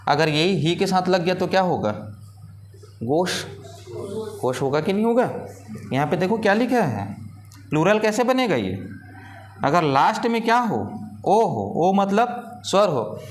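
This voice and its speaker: A man teaches English grammar like a classroom teacher. He keeps asking questions and then gives the answers himself, over a faint hiss of background noise. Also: sits high. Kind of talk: classroom-style grammar lesson.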